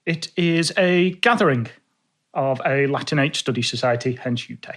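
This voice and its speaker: A man on a comedy panel, delivering dry, deadpan quips. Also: medium pitch, moderate pace. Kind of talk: casual comedy chat.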